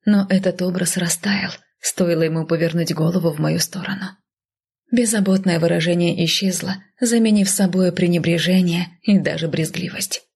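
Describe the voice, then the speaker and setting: A woman reading a first-person story aloud as an audiobook narrator, in a soft, often half-whispered way. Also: on the low side, steady tone, moderate pace, creaky, breathy edge.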